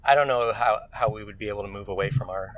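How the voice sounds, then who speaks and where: A Californian man with an American accent chats casually and hesitantly, often trailing off. His lowish voice moves fast. A noisy crowd fills the background, and the audio quality is poor.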